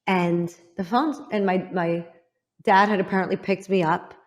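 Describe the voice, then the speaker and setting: A woman from the US Midwest, a podcast host telling a painful personal story to a guest in a candid, halting way, her voice sinking low and soft at hard moments. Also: steady tone.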